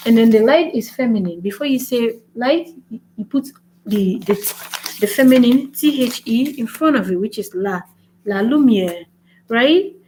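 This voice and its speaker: A chatty woman teaches French in a relaxed video lesson, her voice sitting a bit high for a woman. She loops back over points and keeps asking "right?", and a faint hum runs under the recording. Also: moderate pace, low-quality recording. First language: English. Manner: chatty, repeats "right?" often, writes on a board.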